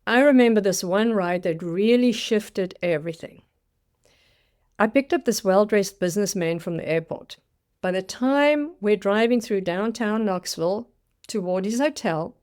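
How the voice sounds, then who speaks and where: A woman in her sixties with a South African accent, working as a career coach, tells her own career story as a scripted, dramatic monologue, acting out the quotes. Her mid-range voice is smooth and a little mellow.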